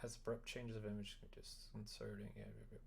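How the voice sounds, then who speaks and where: Speaking a little fast in a completely flat, creaky, darkish medium-pitched voice, this livestream host mutters casually while coding a visual novel, often trailing off mid-thought. Keyboard typing and mouse clicks fill the noisy room.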